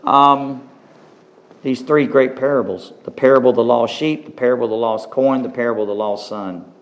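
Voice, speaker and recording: A man preaching a sermon, animated, rising to high emphatic peaks and stretching key words slowly, with brief laughs between points.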